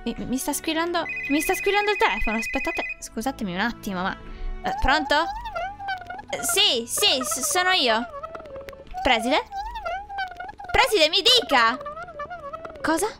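A woman vlogger acting out a Roblox role-play, excitable and exclamatory, often calling out names. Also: very high-pitched, unhurried, pauses often. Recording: background music.

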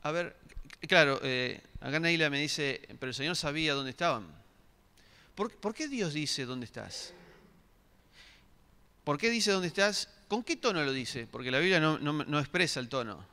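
A man's voice: on the high side, animated, moderate pace, pushed and bright, smooth. A middle-aged man, giving a sermon and asking the congregation questions, with many restarts. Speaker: pastor. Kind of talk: interactive sermon. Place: church hall. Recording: long reverb of a church hall.

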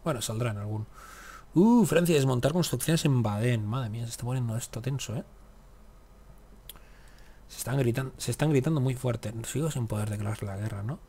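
A man's voice: medium pitch, a little fast, mellow. A man giving casual let's-play commentary on a strategy game, muttering to himself and cursing at the game. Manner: talks to himself, grumbles and curses at the game. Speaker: gaming YouTuber.

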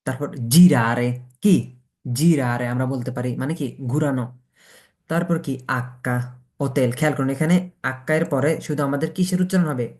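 Teaching Italian pronunciation to beginners in Bengali, a fairly quick man with a medium-pitched, slightly mellow voice works through each letter, posing questions and answering them himself.

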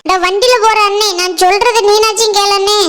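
In a cartoon, a gossipy village woman, voiced by a woman, begs anyone to hear her news. The voice is very high and shrill, with a whiny, pleading tone. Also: fairly even intonation, brisk, fairly bright tone. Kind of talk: cartoon voice acting.

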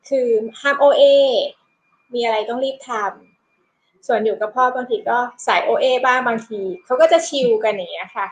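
A woman chats casually about how she raises her child, often breaking into laughter. Her voice sits a little high. The sound is roomy and echoey. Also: normal speed. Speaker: mother and co-host. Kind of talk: casual chat.

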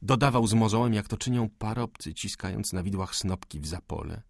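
A man reading a literary novel aloud as an audiobook narrator, in a measured storytelling manner. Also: fairly low pitch, lively intonation, vocal fry, a little mellow, dry recording, studio quality.

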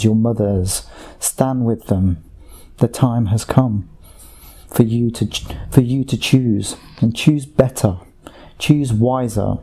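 Guy channeling under hypnosis, really mellow dark voice, bit husky, slow repeating preachy lines. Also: fairly low pitch. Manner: slow, repetitive, sermon-like address.

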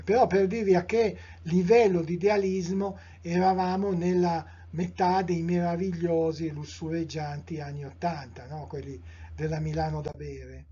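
A middle-aged man with an Italian accent giving a live lecture in a measured, discursive way, with fillers, self-corrections and rhetorical questions to his listeners. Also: fairly high pitch, warm tone, slightly rough. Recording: dull lo-fi live lecture recording.

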